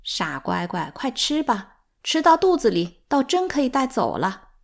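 A sharp-tongued household maid from a storybook, as a woman reads her part. She mocks and teases with a dry, sardonic edge. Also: a little high, big pitch swings, unhurried, creaky, pitched above the performer's own voice, heavily acted. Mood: mocking. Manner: sardonic, teasing.

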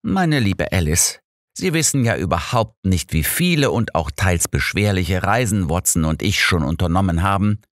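A smug, lecturing old detective holds forth in a low, lively voice, as a man reads him aloud. His tone stays superior and a little needling. The audiobook recording is dry and close. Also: a little slow, no room sound. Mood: coaxing. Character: sharp, know-it-all older male detective.

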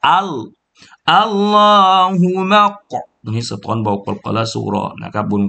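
A man teaching Quran recitation, chanting verses very slowly and then explaining pronunciation sound by sound in a relaxed, lower voice. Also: gravelly. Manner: says polite particles often and repeats sounds to demonstrate.

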